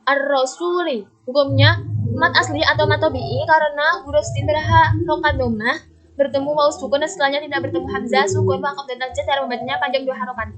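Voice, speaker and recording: A young woman student reading out a tajwid lesson, stating each rule in a steady, methodical way and stretching out the quoted words slowly. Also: high voice, poor audio. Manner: steady recitation-style explanation, drawing out quoted Quranic words slowly. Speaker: university student. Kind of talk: reading a recorded tajwid assignment.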